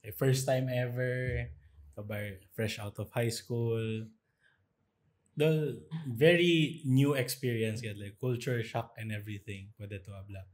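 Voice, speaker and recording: Man, mid-pitched, casual podcast co-host, animated storyteller. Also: slow pace. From Zamboanga, Philippines. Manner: animated storytelling with playful mimicry. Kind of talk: casual chat.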